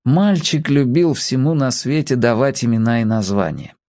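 A man's voice: medium pitch, normal speed, darkish tone, no room sound, studio quality. A man reading a children's story aloud, expressively giving each character a voice of their own.

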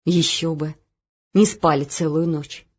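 A woman voicing a kind, fretting old cook in a storybook reading, gently grumbling and a little lower than her narration. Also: fairly even intonation, a little slow, breathy edge, dull audio. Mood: tender. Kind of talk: audiobook reading.

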